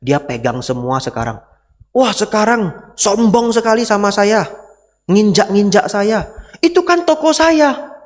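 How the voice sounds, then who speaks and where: A man's voice: sits high, sing-song, unhurried, in a large hall, pitched above the performer's own voice. A man voicing an indignant old father and shop owner who complains in a whiny, aggrieved way.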